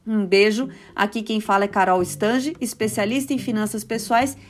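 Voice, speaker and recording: A woman hosting a personal finance podcast, speaking in a clear, measured way as she reads through statistics. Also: medium pitch, fairly even intonation, soft background music. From Brazil. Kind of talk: scripted podcast monologue.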